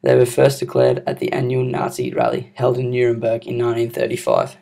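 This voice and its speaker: A young man reads a school project script in a gravelly, creaky voice at a middle pitch. His delivery is earnest and steady, plainly reading from a script. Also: brisk. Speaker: student narrator.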